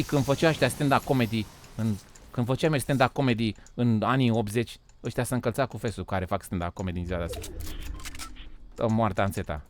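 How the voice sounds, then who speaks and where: A Romanian man streaming a game live, joking loudly, swearing and calling his viewers "frate", often breaking into shouts and laughs. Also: mid-range voice, a little hiss or hum. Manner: swears and says "frate" a lot. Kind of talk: live gaming stream chat.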